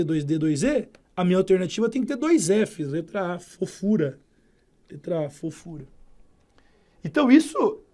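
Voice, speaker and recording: Animated Brazilian logic teacher, high voice. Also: male voice. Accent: Brazilian Portuguese. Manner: storytelling, animated, thinks aloud step by step. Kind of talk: recorded video lesson. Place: Curitiba, Brazil.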